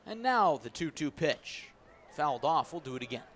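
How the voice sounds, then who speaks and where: With a sing-song lilt, normal speed, and a fairly bright tone, a man gives live radio commentary on a baseball game. He describes what's happening, stressing the important moments and rising as each pitch arrives, over clear outdoor stadium ambience.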